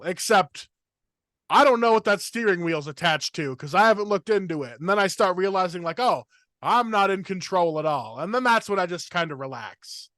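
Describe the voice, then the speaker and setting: Brief: young male comedian-host, slightly high voice, rambling and filler-heavy, dry close recording. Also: a bit bright, no room sound. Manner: rambling, filler-heavy, fast torrent of words. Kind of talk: casual podcast chat.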